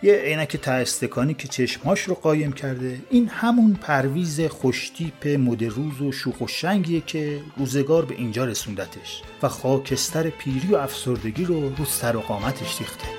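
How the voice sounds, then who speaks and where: A man's voice: mid-range voice, expressive, hardly any pauses, darkish tone, soft background music. A man hosting a podcast, narrating a life story in a casual, conversational storytelling way.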